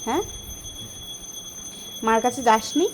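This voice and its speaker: A woman with a high voice talks through a casual pet vlog. She switches between chatty asides to her viewers and soft, doting baby talk to her animal. A faint noise sits under the recording. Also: expressive, slow pace. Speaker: pet vlogger.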